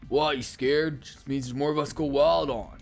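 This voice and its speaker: A woman's voice: low voice, steady tone, normal speed, vocal fry, darkish tone, soft background music, pitched below the performer's own voice. A woman voicing a brash, protective young male fighter in a video game, blunt and commanding. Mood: gruff, commanding. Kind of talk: dramatic visual novel read-aloud.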